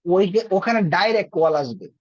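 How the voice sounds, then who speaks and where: A man's voice: sits high, lively intonation, brisk, no echo. Patient male teacher on a muffled call. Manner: patient, explains with everyday examples. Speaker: Arabic teacher. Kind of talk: online class over a group call.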